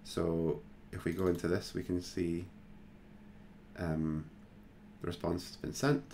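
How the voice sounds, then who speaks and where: A man hosting a screen-recorded software tutorial, talking casually and thinking aloud with plenty of fillers. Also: low voice, flat delivery, a little slow, vocal fry, slight background noise. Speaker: tutorial host.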